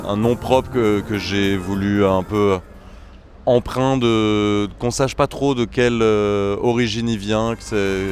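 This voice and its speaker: With a lowish, darkish voice and fairly even intonation, a young musician, a trombonist who leads a band, speaks slowly in a casual interview. His speech is hesitant, full of fillers and restarts, over faint background music.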